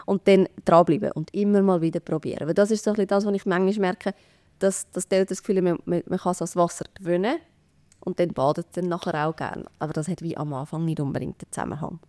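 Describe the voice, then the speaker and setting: Fast-talking Swiss German woman explaining. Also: fairly low pitch, fairly even intonation, a little mellow, no echo. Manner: practical, explaining step by step with many fillers. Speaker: baby care expert guest. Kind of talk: conversational podcast explanation.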